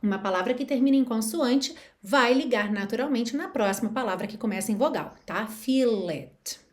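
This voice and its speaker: A woman with a Brazilian accent teaching English pronunciation through song lyrics. She reads English lines slowly and carefully, and often checks in with her listeners. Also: fairly high pitch. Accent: Brazilian Portuguese. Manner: checks in with tag questions.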